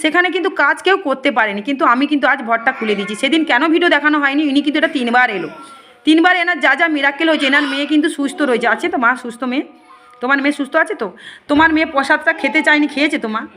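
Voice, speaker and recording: A woman's voice: high-pitched, rapid-fire, bright, forceful tone. A woman spiritual healer, earnestly addressing devotees and viewers and repeating herself often. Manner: earnest, repetitive, often asks "ঠিক আছে?".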